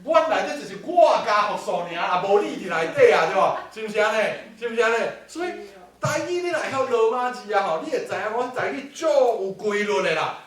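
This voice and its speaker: A man giving an animated classroom lecture, peppered with rhetorical questions. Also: high voice, quick pace. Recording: echoey hall from far off.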